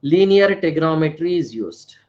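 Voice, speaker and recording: Indian guy teacher w high voice, online class, keeps asking right? or na?, bit of hindi mixed in, kinda muffled lo-fi sound. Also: expressive, normal speed. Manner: repeats phrases, frequently tags questions with right and na; mixes Hindi words into English. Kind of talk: live online lecture with frequent check questions.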